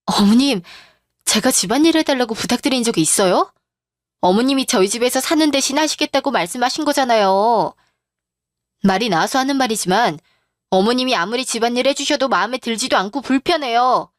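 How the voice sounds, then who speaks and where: A woman's voice: on the high side, expressive, fairly quick, no room sound, clean studio sound, close to an everyday voice. A woman voicing a young wife who answers her mother-in-law politely but firmly in a radio drama. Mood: indignant. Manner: polite but firm, formal speech.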